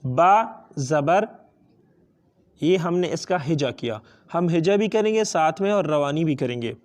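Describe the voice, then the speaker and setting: A man with a Pakistani accent teaches Quran reading in a step-by-step lesson, patiently posing and answering his own questions and stretching out letter sounds. He switches between two languages, his voice fairly high with lively intonation and a darkish tone.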